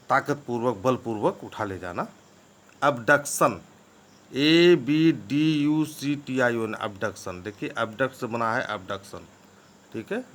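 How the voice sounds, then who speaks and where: A man teaching English vocabulary, spelling each word letter by letter and checking in with his listeners again and again. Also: medium pitch. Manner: spells words letter by letter, often asks "ठीक है ना?". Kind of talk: vocabulary lesson.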